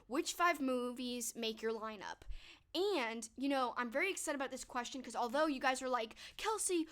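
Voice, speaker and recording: In a high, slightly bright voice, a young woman chats casually with viewers on her live stream, answering their questions. She's upbeat, using "like" and "um" often, even as her voice grows worn and she starts to lose it.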